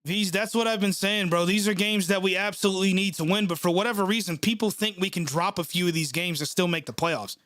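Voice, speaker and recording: This young sports channel host, nose blocked by a cold, rattles off live play-by-play reactions and reads chat at a fast clip with few pauses. His fairly high voice is a bit bright, and he sounds frustrated and sarcastic, swearing frequently. The audio is dry and close.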